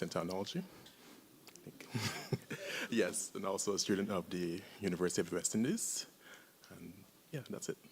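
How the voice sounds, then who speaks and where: A man's voice: low-pitched, fairly bright tone, a little hiss or hum. A young man with a Caribbean accent giving an informal introduction of himself. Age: young adult. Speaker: student digital ambassador. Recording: faint room ambience.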